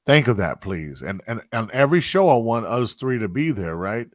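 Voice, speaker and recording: A man hosting a podcast in casual chat, lively, often cutting in and repeating himself. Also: mid-range voice, normal speed, a little hiss or hum. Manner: animated, interrupts and repeats himself. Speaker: podcast host. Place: live stream studio.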